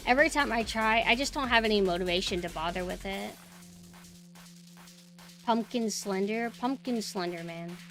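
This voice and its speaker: Backed by music, a woman streamer and VTuber host leads a relaxed live-stream chat, thinking aloud in an informal way. Her voice has a medium pitch and a slightly bright quality.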